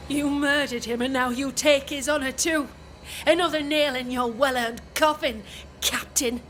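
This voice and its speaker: A woman's voice: high-pitched, steady tone, moderate pace, a bit bright. A woman playing an accusing, emotional widow in a dramatic video game. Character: grieving, accusing widow leading a mutiny.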